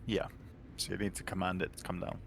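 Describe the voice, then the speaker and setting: Low gravelly game master. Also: male voice, level tone, fast, fairly bright tone, a little hiss or hum. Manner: casual, descriptive narration with fillers. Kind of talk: narrating a tabletop game.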